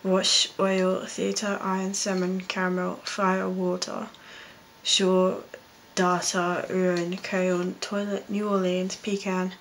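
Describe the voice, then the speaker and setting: A young Australian woman speaking casually and offhandedly in a vlog, reading out prompts and answering them in a low-key way. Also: completely flat delivery, slow pace, slight background noise, poor audio. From Blue Mountains, New South Wales, Australia. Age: young adult. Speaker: vlogger. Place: small bedroom, indoors.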